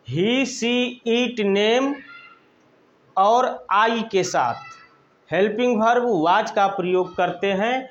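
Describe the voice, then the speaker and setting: A man with a Hindi accent teaching English grammar in a lesson, dictating slowly and repeating each phrase so students can write it down. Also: sits high, fairly bright tone. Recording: dull lo-fi recording.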